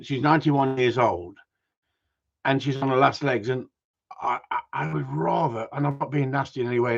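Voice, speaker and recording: A medium-pitched, creaky-voiced man runs a livestream as a gundog breeder, the audio dull and lo-fi from home. His casual, rambling chat with viewers jumps around, full of swearing and sudden loud outbursts.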